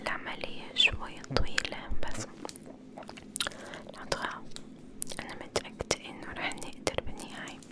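A young woman with a Levantine Arabic accent in a whispered role-play as a hypnotist, quiet as at night, slow and hushed, repeating words very close to a studio mic. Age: young adult. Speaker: ASMR creator. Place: small bedroom, indoors. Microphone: studio condenser mic very close to the mouth.

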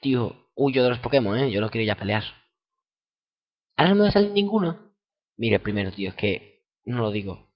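A young man with a Spanish accent from Spain giving casual let's-play commentary, excitable and foul-mouthed, bursting into shouts. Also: medium pitch, normal speed, long pauses. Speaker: gameplay commentator. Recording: lo-fi dull home recording.

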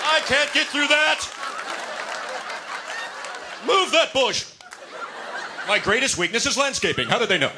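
A prissy, whiny devil squeals his complaints in a high, strained voice, put on by a man. The sound comes from a noisy recording of a stand-up act. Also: big pitch swings, measured pace, long pauses, crowd noise, heavily acted.

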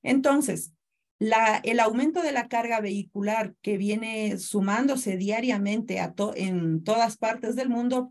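Over a video call, an Ecuadorian woman in her thirties gives an online presentation in Spanish with an Ecuadorian accent, her voice fairly high yet darkish. She courteously welcomes attendees by name and walks through the material step by step.

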